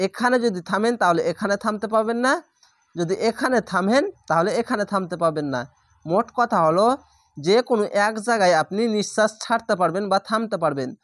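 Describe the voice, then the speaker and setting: A man teaching Quran reading step by step, patiently repeating each rule and slowly drawing out sample syllables. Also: sits high, a bit bright, no room sound, studio quality.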